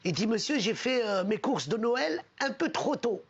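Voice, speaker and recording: Man, casual comic storyteller, husky tone, muffled TV audio. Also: extremely high pitch, very animated, moderate pace. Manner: casual joke-telling, acts out characters' lines. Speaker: comedian telling jokes on a TV panel show. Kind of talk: telling jokes with voices.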